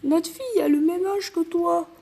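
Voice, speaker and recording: A woman voicing an annoying neighbor mother in a squeaky, drawn-out voice. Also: creaky, dark tone. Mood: shrill.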